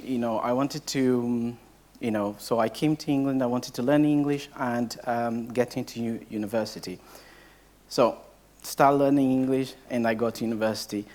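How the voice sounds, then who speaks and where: A man's voice: mid-range voice, fairly even intonation, unhurried, darkish tone. Hesitant young man. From Portugal. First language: Portuguese. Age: young adult. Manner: hesitant, heavy with filler sounds and restarts. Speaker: case study speaker at a training event. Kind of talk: personal story told to a live audience.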